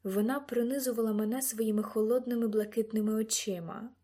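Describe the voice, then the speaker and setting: Lady reading a novel out loud, kinda high voice, steady. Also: a little fast. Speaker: audiobook reader. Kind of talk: scripted narration.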